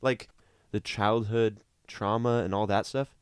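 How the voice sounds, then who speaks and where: A man's voice: fairly low pitch, fairly even intonation, unhurried, clear, resonant tone, no echo. A college-age young man co-hosting a casual podcast, laid-back, with short reactions and slang. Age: college-age young adult. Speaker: podcast co-host.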